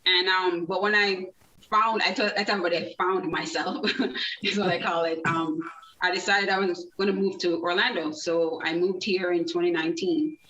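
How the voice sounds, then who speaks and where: A chatty woman from Jamaica tells her story with lots of restarts and easy laughter. Her voice sits low and comes from away from the mic in a roomy space with dull sound. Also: steady tone, normal speed, sharp tone, distant mic. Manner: chatty, many fillers and restarts, laughs easily. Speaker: guest, nonprofit founder. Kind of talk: casual interview storytelling.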